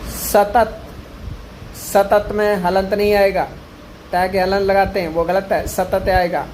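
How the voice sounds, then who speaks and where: Slow, drilling male Hindi teacher. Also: high-pitched, flat delivery, darkish tone, slight background noise, rough recording. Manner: slow, repeats each word to drill it. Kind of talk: exam-prep grammar lesson.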